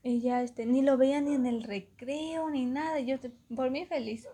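A young woman with a Mexican Spanish accent, casually telling a story to a friend, animated, laughing often and acting out the voices of the people in it. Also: sits high, normal speed, breathy edge.

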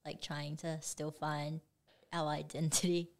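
Slow-talking young woman artist. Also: deep voice, gravelly. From Singapore. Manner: relaxed, laughs often, trailing sentences. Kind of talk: casual chat.

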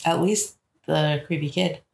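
A woman's voice: deep voice, unhurried, gravelly, darkish tone. A woman co-hosting a podcast, chatting in a laid-back way with dry asides. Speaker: podcast co-host. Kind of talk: casual chat. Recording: roomy echo.

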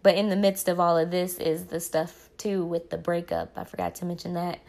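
Low gravelly young woman vlogging. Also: lively intonation, normal speed, a little mellow. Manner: rambling, self-correcting, faith-focused. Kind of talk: casual personal storytelling.

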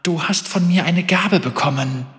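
A man voicing a gentle female spirit who speaks softly, melodic and sad. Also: high-pitched, moderate pace, in a large hall, voice pushed up. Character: gentle sorrowful female spirit, soft and fragile.

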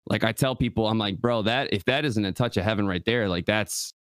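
A young man with a very low, deep voice talks earnestly and casually, peppering his thoughts with "you know." He's from West Michigan. The sound is close and dry, with no room around it. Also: a little fast, dry recording. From West Michigan, USA. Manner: relaxed, earnest, many fillers like "you know". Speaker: guest, gaming preacher. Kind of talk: casual interview conversation.

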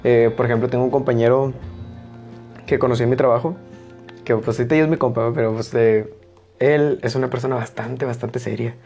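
A young man with a Mexican Spanish accent telling stories casually, with a blunt, forceful delivery that gets louder as he goes. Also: medium pitch, brisk, faint music behind. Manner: loud, blunt delivery that rises into shouting when excited. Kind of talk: casual storytelling monologue.

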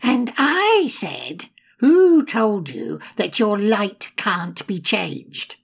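A woman voicing a gravelly, sneering male imp. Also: sing-song, very slow, full character voice. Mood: taunting. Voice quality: gravelly, raspy. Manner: mocking, sneering, darts between whispers and shrill taunts. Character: sly, spiteful male imp, cackling and insulting. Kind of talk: storybook reading.

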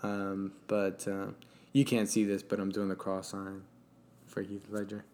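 A man co-hosting a podcast, chatting eagerly and often pausing with ums and uhs. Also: low voice, monotone, a little mellow. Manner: enthusiastic, hesitant with many ums. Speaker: podcast co-host. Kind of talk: casual chat.

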